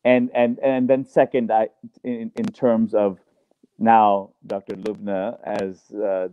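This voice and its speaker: A man hosting an interview show, introducing his guest and posing long questions, halting with many "uh" and "um" fillers. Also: fairly low pitch, no room sound. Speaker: show host. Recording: dull, dry lo-fi sound.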